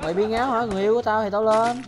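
A man's voice: high voice, fairly even intonation, very fast, crowd noise. A young man with a Southern Vietnamese accent, a gaming YouTuber arguing indignantly over voice chat and hurling accusing retorts. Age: young adult. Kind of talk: heated in-game voice chat argument.

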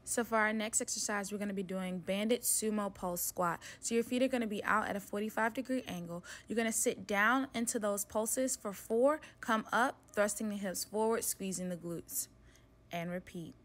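A woman's voice: mid-range voice, normal speed, a bit bright. A young adult woman coaching a workout as a fitness instructor, upbeat and encouraging, giving direct exercise cues.

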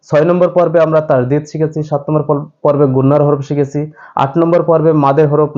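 Man, Quran reading teacher, somewhat high voice, dark tone, lo-fi recording, stretches example words slowly. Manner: repeats examples slowly, drawing out vowels to demonstrate pronunciation; addresses viewers directly, asks and answers his own questions. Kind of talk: recorded class lesson.

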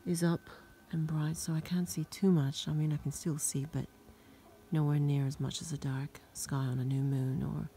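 A woman whispering a soft, awed nature ASMR vlog outdoors on her farm at dusk, recorded on a handheld phone. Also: deep voice, flat delivery, moderate pace, a little hiss or hum. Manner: soft, hushed, reflective and awed. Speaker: farm vlogger.

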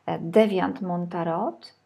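Gravelly husky woman tarot reader. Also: fairly low pitch, fairly even intonation, slow pace. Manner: chatty, drifts into soft whispers while laying cards. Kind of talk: casual tarot reading to viewers.

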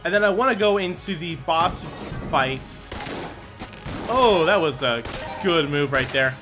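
Over game music in the background, a man hosting a gaming channel narrates a let's play, his voice on the high side. He reasons out loud, reads item descriptions, and lets out short, excited exclamations.

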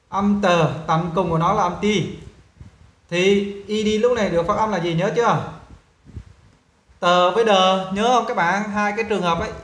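A male English teacher with a Vietnamese accent, walking students through pronunciation and repeating model words slowly while checking whether they follow. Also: sits high, a bit bright, roomy sound. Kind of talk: pronunciation lesson.

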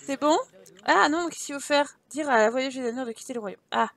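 Exasperated high-voiced woman gamer. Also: brisk, creaky, a bit bright. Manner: exasperated, swearing, laughing asides. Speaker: gaming streamer. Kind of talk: casual let's-play commentary.

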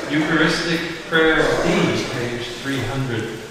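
A man leading a church service as priest, reciting a formal liturgical prayer in a measured, solemn way, with a cathedral echo around his voice. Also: mid-range voice. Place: large church. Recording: echoey church from far off, faint hiss.

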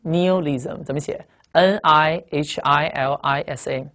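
A man teaching English vocabulary in a recorded lecture, explaining fast with lots of repetition and tag questions, speaking. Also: a little high, a bit bright.

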